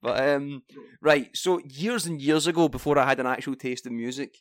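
Young Scottish male co-host, animated storyteller, mid pitch, dry mic. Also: normal speed, no room sound. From Scotland. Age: young adult. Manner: animated storyteller, laughs often, swears casually. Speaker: podcast co-host. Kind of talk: casual chat.

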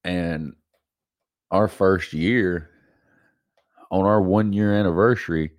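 Recorded with clean, dry studio sound, a man speaks slowly in a low-pitched voice on his own podcast. Congested from allergies, he wanders casually through his solo episode, repeating points and offering self-deprecating laughs.

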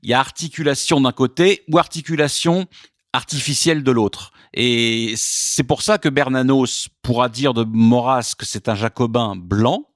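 A male author speaks in a measured, explanatory way, pausing often on hesitations and repeating words as he builds his point. His voice sits at an ordinary pitch for a man, and the sound is dry and close. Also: dry recording. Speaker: guest author. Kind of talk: in-depth radio interview.

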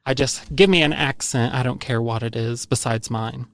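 A man with an Appalachian accent, hosting a podcast in casual, animated chat. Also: mid-range voice, moderate pace. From Indiana, United States. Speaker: podcast host.

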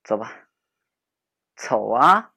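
A man's voice: mid-range voice, big pitch swings, very slow, gravelly, husky. Young adult male, teasing and snarky childhood friend for a role-play audio drama. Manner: teasing, snarky, then gently soothing.

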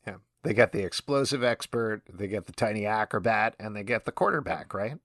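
A man's voice: fairly low pitch, fairly quick, a bit bright, dry recording, clean studio sound. A man hosting a casual panel discussion, steering the talk and asking the others questions. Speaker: podcast host.

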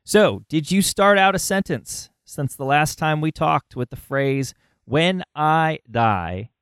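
A man hosting a podcast, talking conversationally with halting phrasing and repeated words. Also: on the high side, a bit bright, clear, resonant tone, no room sound, studio quality. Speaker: podcast host. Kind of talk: conversational podcast intro and interviewing.

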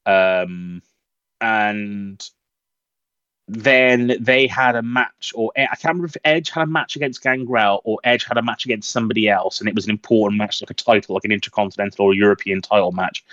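A man's voice: on the low side, fairly even intonation, normal speed, fairly bright tone, no room sound, highs cut off. A man co-hosting a podcast, telling stories in a chatty, rambling way. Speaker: podcast co-host. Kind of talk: casual chat.

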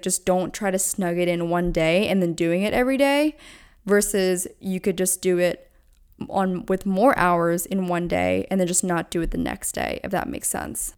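A woman's voice: on the low side, smooth. A young woman giving casual, upbeat advice in a tidy, conversational vlog style, often dropping in "like". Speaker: podcaster and blogger giving time management advice.

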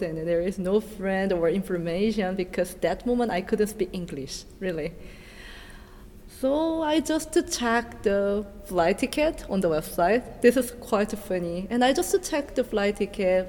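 A woman in her thirties from South Korea, a dancer speaking in English with a Korean accent, answering interview questions earnestly in halting non-native phrasing. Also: mid-range voice, expressive, a little mellow. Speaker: dancer and choreographer. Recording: reverberant room with faint noise.

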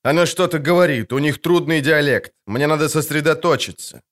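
A stern, weary witcher with a terse, patient way of talking, as a male audiobook reader plays him. The voice sits slightly high and stays even and controlled. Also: fairly quick, close to an everyday voice. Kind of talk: audiobook character voice.

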